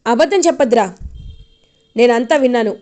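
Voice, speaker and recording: A woman's voice: fairly high pitch, fairly quick, a little mellow, lightly acted. A woman doing a furious old grandfather. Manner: harsh, contemptuous. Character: furious stern old grandfather, head of house.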